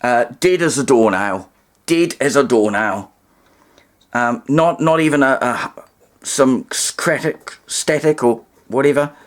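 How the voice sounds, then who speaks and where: A man at medium pitch speaks slowly as he presents a casual, hands-on vintage radio testing demonstration. His explanations ramble, with asides and alternative terms thrown in.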